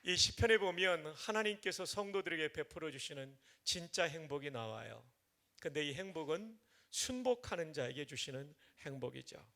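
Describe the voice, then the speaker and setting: A male pastor from Chungcheong preaching a revival sermon in a measured, explanatory way. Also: on the high side, expressive, creaky, pushed and bright. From Chungcheong, Korea.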